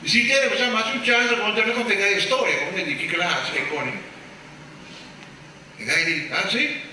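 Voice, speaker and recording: A man doing stand-up comedy storytelling, animated, jumping into high squeaky voices for the people in his stories. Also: normal speed, a little hiss or hum. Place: live stage with audience. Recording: echoey distant live room recording. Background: audience laughter.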